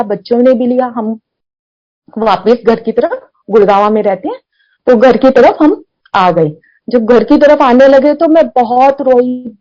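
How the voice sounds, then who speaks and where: A woman's voice: sits high, dull audio. A middle-aged woman earnestly telling her own devotional testimony, acting out the dialogue as she goes. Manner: earnest, emotional retelling with quoted dialogue. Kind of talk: personal testimony storytelling.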